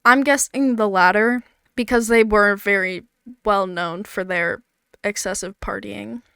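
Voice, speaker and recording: A woman's voice: mid-range voice, steady tone, measured pace, vocal fry, pushed and bright, clean tone, no room sound, clean studio sound. A woman with a slight lisp giving casual, blunt commentary on an old comedy show, full of "like". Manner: chatty, blunt, peppered with "like".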